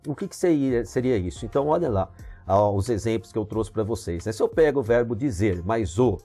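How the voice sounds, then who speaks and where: A man's voice: lowish voice, fairly quick, faint music behind. A man with a Brazilian Portuguese accent teaching a grammar lesson, explaining step by step and often checking in with "tá?" and "ok?". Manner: lively explaining with many "tá?" and "ok?" checks. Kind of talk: recorded video lesson.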